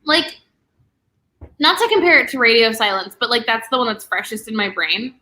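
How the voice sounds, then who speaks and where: A young woman talks through a book on a casual livestream, rambling with plenty of "like"s. Her voice is bright and sits a little high. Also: lively intonation. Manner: chatty, many "like" fillers, quick asides. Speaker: booktube host.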